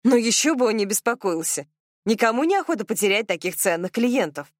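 Brisk, practical young girlfriend in an audiobook, higher and lively, read by a woman. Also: dry recording, clean studio sound. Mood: wry. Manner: brisk, reassuring.

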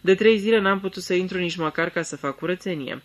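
A man's voice: sits high, voice pushed up, close to an everyday voice. A man voicing a timid, apologetic footman in a radio theatre reading. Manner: humble and apologetic.

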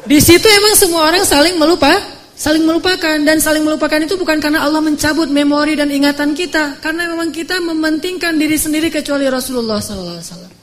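A young man preaching casually at a live lecture, telling the story in relaxed everyday speech, acting out dialogue and growing soft and slow at moving points. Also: extremely high pitch, some chatter behind. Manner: conversational, slangy, acts out dialogue; slows and softens at emotional points. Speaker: Islamic preacher. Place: live lecture venue with audience. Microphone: audience phone recording.

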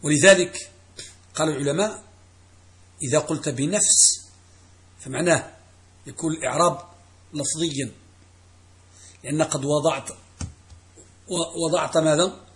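A man's voice: on the high side, moderate pace, long pauses, fairly bright tone. A middle-aged man teaching a classroom grammar lesson as a religious teacher, quizzing students and repeating key phrases.

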